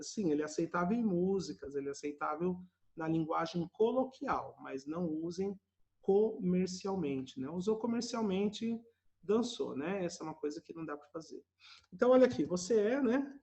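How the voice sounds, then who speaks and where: A Brazilian man with a notably high voice leads an online language lesson over a video call. He explains in a chatty, running manner and keeps checking in with his students through little questioning asides after almost every phrase. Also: a little mellow. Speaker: English teacher.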